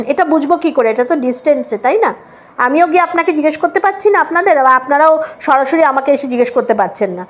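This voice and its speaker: A woman gives an English vocabulary lesson in a high voice. She spells words out letter by letter and often stops to check that her students follow. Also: animated, fast. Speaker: English teacher. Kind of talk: Bengali-language English lesson.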